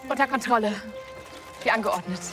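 An actress playing a bossy, hot-tempered woman who takes brisk command in a scripted TV comedy-drama. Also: on the high side, loud music behind the voice, close to an everyday voice. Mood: subdued.

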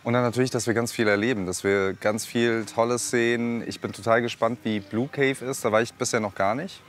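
A man talking casually on camera outdoors, chatting and asking questions in an excited way. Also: medium pitch, fairly quick, slight background noise. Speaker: vlogger interviewing locals.

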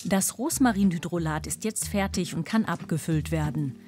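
A woman reading scripted narration for a TV report in an even, factual manner. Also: on the low side, normal speed, music in the background.

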